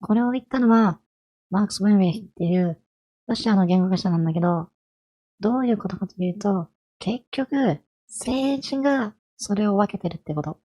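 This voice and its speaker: A woman's voice: medium pitch, moderate pace, warm tone. A woman in her twenties giving a chatty, friendly explainer lesson on language, asking her listeners rhetorical questions. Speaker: language vtuber.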